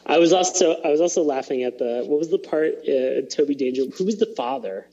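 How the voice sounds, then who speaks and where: A man's voice: a little high, animated, fairly quick, dark tone, lo-fi sound. A man on a podcast chatting casually, rambling with many fillers and restarts and laughing as he retells scenes. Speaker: podcast co-host. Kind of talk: casual chat.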